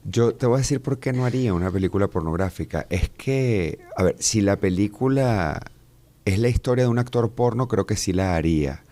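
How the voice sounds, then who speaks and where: A man, an actor speaking thoughtfully and in a measured way during a casual radio interview. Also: on the low side, lively intonation, dark tone.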